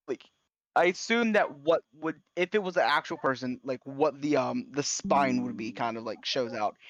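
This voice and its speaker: A man playing a tabletop game over a voice call, halting with many pauses as he tallies his damage. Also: fairly bright tone. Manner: halting, lots of ums, slow and low when tallying. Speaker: player. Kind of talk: casual tabletop play.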